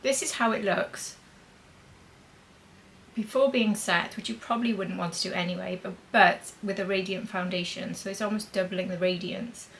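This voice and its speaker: A woman's voice: mid-range voice, fairly even intonation, normal speed, fairly bright tone, a little hiss or hum, low-quality recording. A woman demonstrating makeup in a chatty vlog, thinking aloud as she applies blush and powder. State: talking with a mint in her mouth. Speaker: beauty vlogger.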